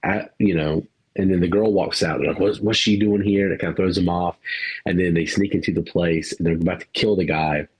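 On a rough recording, an adult co-host and father speaks briskly in a low, husky voice with a steady tone. He rambles casually through a movie review, sometimes laughing or cursing.

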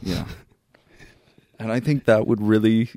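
Low-voiced joking podcast guy. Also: fairly even intonation, measured pace, dark tone, a little hiss or hum. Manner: joking, laughs often, pitches absurd ad ideas. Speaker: podcast co-host. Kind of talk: casual comedic chat.

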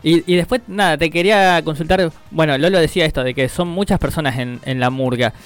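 Male co-host, smooth and a bit high, measured questioner. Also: soft background music. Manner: thoughtful, hesitant questions. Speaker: radio co-host. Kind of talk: casual radio interview.

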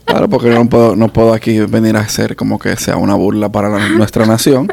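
A man's voice: fairly low pitch, flat delivery, fairly quick, gravelly, darkish tone. A man with a Dominican accent hosting a casual podcast chat in a studio, teasing his guest playfully. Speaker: podcast host. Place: recording studio.

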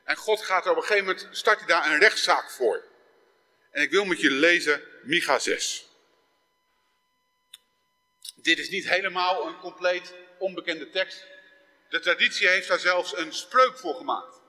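A man delivers a sermon in a conversational way, raising his voice dramatically when he reads scripture aloud. His voice sits high and sounds bright and forceful. The sermon rings out with a long reverb in a church hall. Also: measured pace, long pauses. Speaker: preacher.

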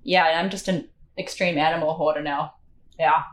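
A woman's voice: deep voice, steady tone, normal speed. A woman with a New Zealand accent chatting as a podcast guest, giggly and full of fillers. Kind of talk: casual podcast chat.

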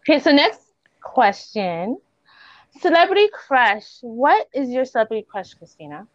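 Higher-voiced woman hosting a casual podcast. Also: very animated, a little slow, no echo. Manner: informal, slangy, profane. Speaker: podcast host. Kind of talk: casual chat. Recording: slightly dull lo-fi audio.

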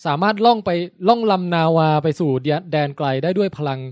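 A man's voice: sits high, expressive, fast talker, darkish tone, no echo, clean studio sound. A man hosting a podcast, eagerly explaining science in casual chat with polite particles. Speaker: podcast host.

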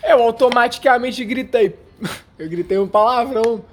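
A man's voice: very high-pitched, moderate pace, faint music behind. A young man, telling a story in casual slang, laughing now and then. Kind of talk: casual chat.

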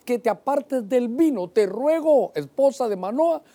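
A man's voice: extremely high pitch, expressive, a little slow, mellow, voice pushed up. A man preaching who voices God speaking to a woman in a pleading, emphatic way. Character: God, male divine voice, earnestly pleading.

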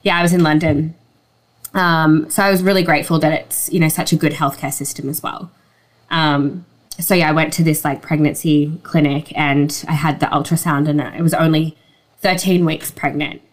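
A woman's voice: deep voice, fairly even intonation, moderate pace. A woman telling a personal story as an interview guest, in a casual, conversational way peppered with "like" and "you know".

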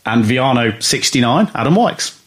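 A man's voice: medium pitch, animated, moderate pace, a bit bright, breathy edge. Teasing male podcast host. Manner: teasing, jokey. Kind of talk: casual podcast chat.

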